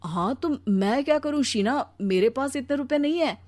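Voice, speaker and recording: A woman's voice: sits high, lively intonation, normal speed, darkish tone, voice pushed up. A woman voicing a weary, pleading husband worn down by his burdens in a dramatised story. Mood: protesting. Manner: pleading, exasperated. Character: weary, overburdened husband, anguished office worker. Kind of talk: dramatised Hindi audio story.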